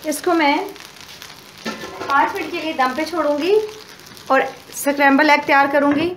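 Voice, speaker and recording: A woman talks through a home recipe step by step. Her delivery is calm, homely and unhurried. Faint kitchen sizzling sits under the voice-over. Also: high voice, background noise. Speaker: cooking channel host. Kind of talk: casual cooking voice-over.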